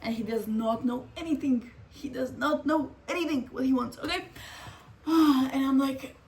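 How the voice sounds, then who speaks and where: Blunt animated young woman, faint hiss. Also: sits high, moderate pace. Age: young adult. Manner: blunt, animated, swears freely. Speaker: vlogger. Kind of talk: casual opinion vlog.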